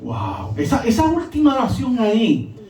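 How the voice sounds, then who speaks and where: A man delivers a sermon in a high, ringing voice. He swings between emphatic peaks and hushed, low drops. The recording sounds echoey, with the voice set back from the mic. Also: wildly swooping pitch, normal speed. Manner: emphatic preaching, rising and dropping. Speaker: preacher. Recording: echoey room, voice from a distance.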